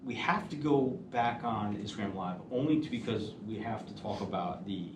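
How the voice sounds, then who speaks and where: A man's voice: lowish voice, normal speed. A man hosting a casual round-table podcast, rambling and restarting as he talks. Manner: rambling, lots of restarts and fillers. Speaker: podcast host. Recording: echoey room, distant mic, noise.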